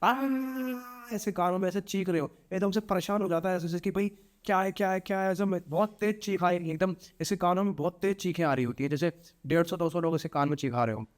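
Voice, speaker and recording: Speaking fast in a high voice, a young male podcast guest dramatically recounts a horror story. He's animated, repeats phrases, and performs the characters' voices.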